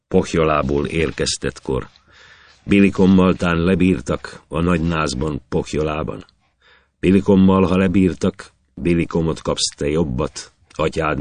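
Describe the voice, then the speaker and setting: A worried old mother pressing her son with anxious questions in epic verse as a man reads her part. The voice is extremely deep and dry, close to the mic. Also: no room sound.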